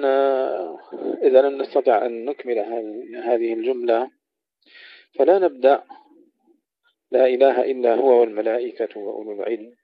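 A man teaching tajweed, switching between slow melodic recitation of verses and brisk spoken explanations of pronunciation. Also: medium pitch, no echo, dull audio.

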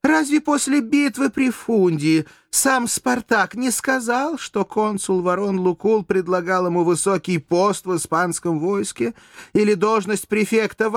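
Мужчина озвучивает молодую коварную куртизанку, театрально, с мольбой и надрывом, в аудиокниге. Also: male voice, mellow, dry recording, clean studio sound, lightly acted. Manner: shrill, pleading, theatrical. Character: scheming young female courtesan, passionate, manipulative. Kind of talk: audiobook character voice.

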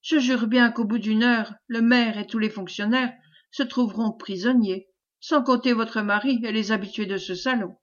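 A woman reading the part of a gruff, impatient older male commander who blusters scornfully, on a dull lo-fi recording. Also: a little high, steady tone, moderate pace, natural voice.

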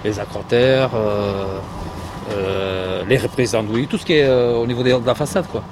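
Halting man, street traffic behind. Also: mid-range voice. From Portugal. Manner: hesitant, many fillers and restarts. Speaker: construction site supervisor. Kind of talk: interview answers.

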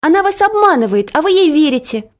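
A stubborn little girl's voice, high and very lively, pleading and shouting in protest, as a woman narrator puts her on. She swings up and down as she begs to be believed in this storybook telling. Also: a little slow. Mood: upset. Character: upset, stubborn little girl.

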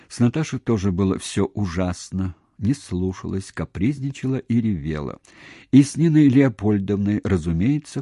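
Low, husky male audiobook narrator. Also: dry recording, clean studio sound. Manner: measured, expressive reading. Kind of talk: scripted narration.

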